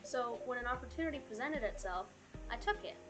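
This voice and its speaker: An earnest newspaper writer who dreams of a novel, played by a woman reading game dialogue aloud. The voice is fairly high and the delivery stagey and amateurish, like untrained acting. Music plays clearly behind. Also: expressive, brisk, natural voice. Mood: sheepish.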